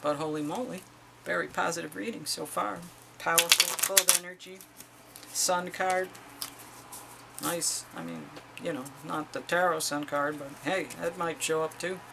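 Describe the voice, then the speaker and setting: A woman's voice: on the low side, steady tone, moderate pace, creaky, noisy background. A middle-aged woman doing a casual tarot reading, chatty and exclamatory as she reads card meanings aloud. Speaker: tarot reader.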